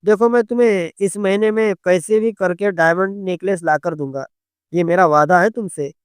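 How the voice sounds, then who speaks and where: A man's voice: sits high, moderate pace, clear, resonant tone, no echo, studio quality, lightly acted. A man voicing a coaxing, teasing husband in a storybook tale, pleading with his wife.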